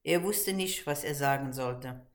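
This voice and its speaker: A woman with a low voice reads a children's story aloud. She keeps a calm, even pace throughout. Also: measured pace. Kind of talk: storybook reading.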